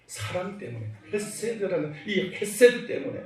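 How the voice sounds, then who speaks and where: A man with a high voice preaches a sermon, lively and theatrical, acting out bits of dialogue and quizzing his listeners. His voice rings through a very echoey church hall, picked up from well away from the mic. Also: normal speed, distant mic. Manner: animated, acts out dialogue, asks the congregation questions. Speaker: pastor. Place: church sanctuary.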